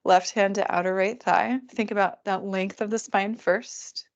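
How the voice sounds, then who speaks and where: A woman teaching a restorative yoga class, calmly counting breaths and giving relaxed, chatty cues. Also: mid-range voice, unhurried, highs cut off.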